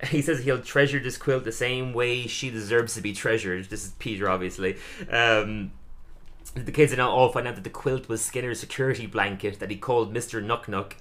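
A man's voice: mid-range voice, fairly quick. A young adult man co-hosting a podcast, casually recapping a cartoon episode with lots of laughs and acted-out quotes. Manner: animated, laughs often, acts out quotes. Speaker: podcast co-host.

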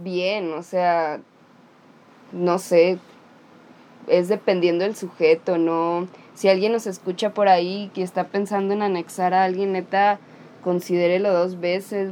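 A woman's voice: lowish voice, darkish tone, slight background noise. A woman with a Mexican accent hosting a casual chat, telling stories animatedly in slang and acting out the quotes. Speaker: podcast host.

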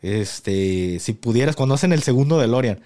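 Mexican male podcast host, animated delivery, slangy and laughing. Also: medium pitch, normal speed. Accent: Mexican Spanish. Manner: slangy, laughs while telling a grim story. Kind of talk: casual podcast chat.

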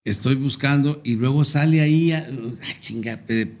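A man's voice: medium pitch, moderate pace, a little mellow. A middle-aged man with a northern Mexican accent hosting a podcast, telling stories in a crude, joking, slangy way. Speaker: podcast host. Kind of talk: casual chat.

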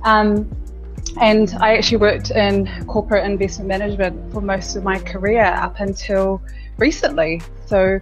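This New Zealand woman in her thirties runs a business and appears as a podcast guest, chatting openly with plenty of laughter and repeated words. Her medium-pitched voice keeps a level tone at normal speed. The audio is poor, with faint music in the background.

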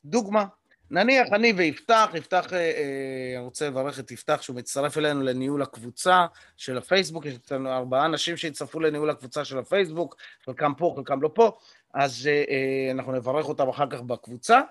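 Higher-pitched man coaching a live group. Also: fairly bright tone, dry recording, clean studio sound. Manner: explanatory, checks in often with the audience; frequent hesitation fillers. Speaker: communication coach leading a workshop.

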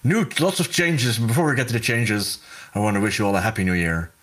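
A chatty man hosting a podcast in a slightly low voice. He rambles along in casual conversation, often restarting his sentences and breaking into laughs. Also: brisk, fairly bright tone. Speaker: podcast host. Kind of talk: casual chat.

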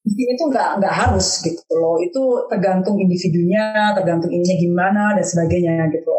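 Fast-talking chatty Indonesian woman. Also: fairly low pitch, a little mellow. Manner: chatty, lots of fillers and restarts. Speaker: podcast guest. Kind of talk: casual chat. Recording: roomy echo.

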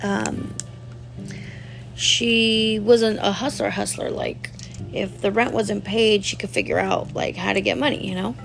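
A woman's voice: medium pitch, fairly even intonation, a little slow, gravelly, fairly bright tone, faint music behind. A woman in her thirties telling a personal story to camera, candid and rambling, full of "like" fillers and talking straight to her viewers. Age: 30s. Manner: addresses viewers directly. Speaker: vlogger.

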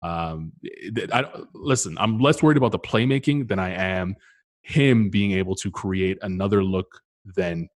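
A man hosting a casual sports podcast, relaxed and prone to repeating words and restarting. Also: deep voice, moderate pace. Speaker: podcast host.

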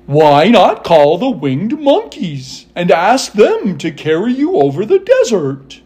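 A storybook scarecrow in charge, voiced by a man. He speaks very deliberately and slowly, pleased with himself and thoughtful, with a husky edge. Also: high voice, wildly swooping pitch, darkish tone, pitched above the performer's own voice, heavily acted. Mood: pondering. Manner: slow, deliberate. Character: self-satisfied thoughtful male scarecrow ruler.

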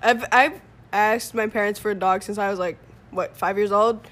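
A teenage girl from Honduras, a podcast guest in casual chat, often halting and correcting herself. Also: mid-range voice, fairly even intonation, fairly bright tone. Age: teens.

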